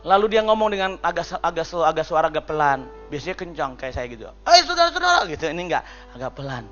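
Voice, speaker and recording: A man preaching a sermon as pastor, lively and chatty, joking and calling out to the congregation. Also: on the high side, fast, dull audio, soft background music.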